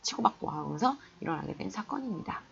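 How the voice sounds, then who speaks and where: A woman's voice: medium pitch, big pitch swings, fast, vocal fry, dull audio. A woman history teacher giving an online lecture in a chatty, colloquial storytelling manner.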